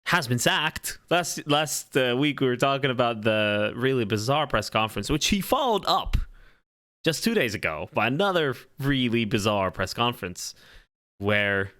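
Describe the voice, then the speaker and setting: A man's voice: mid-range voice, expressive, moderate pace, a bit bright, dry recording, studio quality. A man co-hosting a casual football podcast, chatting along with fillers and repeated words. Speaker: podcast co-host. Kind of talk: casual chat.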